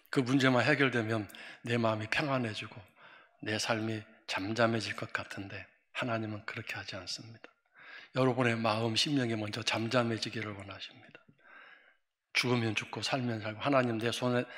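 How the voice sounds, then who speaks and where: A male pastor preaching a sermon, emphatic, jumping from loud outbursts to hushed near-whispers. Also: medium pitch. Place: church sanctuary. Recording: long reverb of a church sanctuary.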